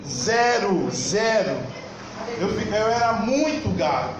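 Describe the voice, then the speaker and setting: A man with a high voice preaches a church sermon in a Brazilian Portuguese accent. He talks fast and emphatically, at times rising to a shout. His voice rings around a very echoey church hall with faint noise underneath. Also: very animated. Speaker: pastor.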